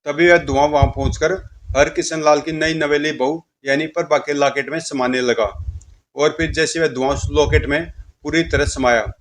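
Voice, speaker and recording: A man tells a horror comic story in a dramatic way. His voice sits slightly high for a man. He speaks the sound effects aloud as he goes. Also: fairly even intonation, moderate pace, a little hiss or hum.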